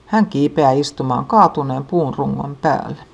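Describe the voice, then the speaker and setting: A woman with a notably low voice reads a children's story. Her delivery is calm and even, paced for young listeners. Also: vocal fry.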